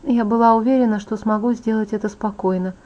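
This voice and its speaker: A woman voicing a proud, beautiful young vampire woman, vain and bitter, in a soft confiding tone. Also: on the high side, steady tone, a little fast, close to an everyday voice. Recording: dull lo-fi audiobook audio.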